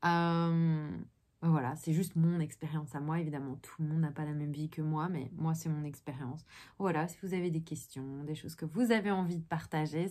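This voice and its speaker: Chatty low-voiced Belgian woman vlogging. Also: darkish tone. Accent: Belgian French. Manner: chatty and rambling, loose and informal. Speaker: actress and vlogger. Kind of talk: casual day-in-the-life vlog.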